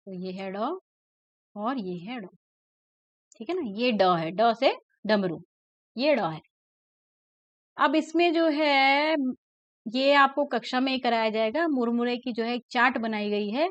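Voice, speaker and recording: A woman's voice: a little high, no room sound. A woman teacher, patiently explaining a lesson to young children and often checking that they follow. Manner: patient, repeats words slowly and checks in with "ठीक है ना". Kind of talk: classroom lesson explaining a textbook. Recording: dull, lo-fi, dry sound.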